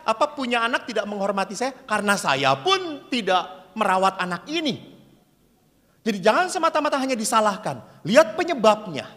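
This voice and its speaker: Male priest, high animated voice, joking sermon, long hall reverb. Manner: jokey storyteller acting out dialogue. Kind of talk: humorous sermon with storytelling.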